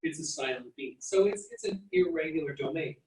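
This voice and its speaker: A man's voice: very high voice, wildly swooping pitch, fairly quick, creaky. A man giving a university psychology lecture, explaining step by step and sounding out letters and words. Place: lecture hall. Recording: echoey room, mic at a distance.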